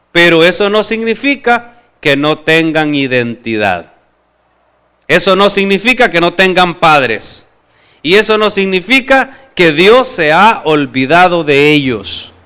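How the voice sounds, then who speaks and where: Bright clear-voiced male preacher. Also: a little high. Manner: asks the congregation questions, expressive. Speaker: pastor. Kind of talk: sermon.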